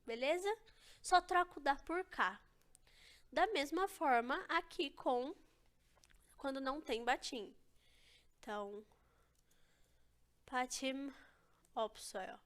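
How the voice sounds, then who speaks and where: A woman's voice: sits high, slow pace, pauses often, a bit bright. A young woman teaching an online language lesson, explaining step by step and checking in with her students often. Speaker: Korean teacher.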